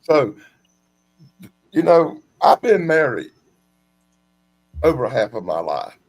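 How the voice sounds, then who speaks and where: A man's voice: mid-range voice, very animated, takes it slowly, a little mellow. A middle-aged man from South Carolina, telling a long personal story on a video call in a casual, rambling, self-deprecating way. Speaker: storytelling guest. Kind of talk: casual chat. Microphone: video call, camera off.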